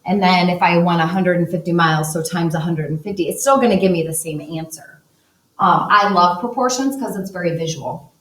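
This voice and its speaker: Her voice on the low side and a bit bright, a woman teacher moves a little fast through math problems. She narrates every step as she writes and works a calculator. The lesson was recorded in an echoey space, slightly away from the mic.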